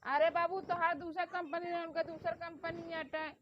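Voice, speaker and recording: A woman's voice: very high voice, flat delivery, normal speed, lo-fi sound, slight background noise. A woman with an Awadhi accent playing a daughter-in-law who coaxes her father-in-law for money in a comedy sketch.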